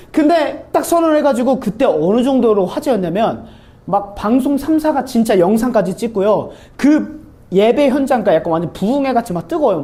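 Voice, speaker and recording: A woman pastor in her thirties delivers a relaxed, storytelling sermon. She jokes and briefly acts out the people in her stories. Her voice sits somewhat high yet sounds soft and mellow. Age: 30s. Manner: lively, joking, acts out quoted voices.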